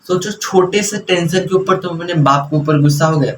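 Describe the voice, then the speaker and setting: A man's voice: on the high side, normal speed, slight background noise, poor audio. A young man teaching a class in a chatty, lecturing way, mixing English words into his explanations.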